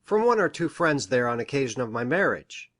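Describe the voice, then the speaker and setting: A woman voices a storybook character, an eccentric country doctor and scientist who is eager, pedantic and formal, dropping her pitch low for him. Her lively, swooping audiobook delivery is brisk and fully in character, earnest and effusive with careful attention to exact wording. The mood is earnest but puzzled.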